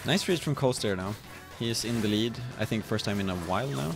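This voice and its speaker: A man casting a fighting game tournament in a relaxed, chatty way, with many fillers and frequent chuckles. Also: on the low side, brisk, vocal fry. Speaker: esports caster. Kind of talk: casual game commentary. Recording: music playing behind.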